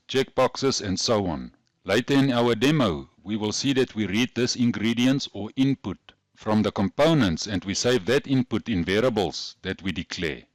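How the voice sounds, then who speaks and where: A man's voice: medium pitch, no room sound. A man with a broad Afrikaans South African accent, narrating a scripted programming lesson in a methodical, instructional way. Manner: methodical, instructional, carefully explained. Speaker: programming tutorial host.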